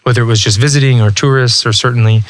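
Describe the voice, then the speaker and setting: Here a podcast guest, a language learning entrepreneur in his thirties from Texas, chats in a mid-range voice at a quick pace. His casual interview talk is relaxed and reflective, full of restarts and frequent "like"s.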